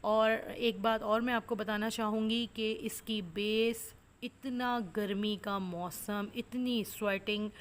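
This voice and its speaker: A woman's voice: mid-range voice, fairly even intonation, slow pace, few pauses. A woman makeup artist, narrating a makeup tutorial step by step, explaining products and techniques. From Pakistan. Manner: instructive, step-by-step explanations with many fillers.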